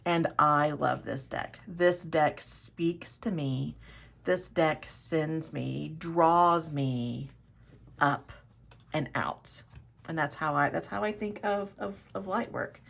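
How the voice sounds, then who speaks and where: A woman with a low, creaky voice speaks slowly while hosting her own tarot video as a casual chat to camera. She rambles enthusiastically, often breaking off to restart her sentences and self-correct.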